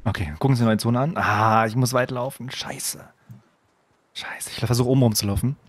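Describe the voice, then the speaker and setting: A man streaming a game live, chatting to viewers and breaking into excited shouts, dropping to a hushed mutter when he sneaks. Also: medium pitch, fast, no room sound. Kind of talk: live gameplay commentary. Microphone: desk microphone.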